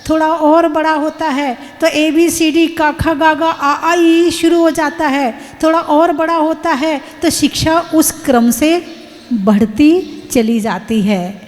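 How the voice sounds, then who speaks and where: A woman's voice: sits high, steady tone, slow pace, long reverb tail. A woman, a Jain nun, giving an emphatic sermon and putting rhetorical questions to her audience.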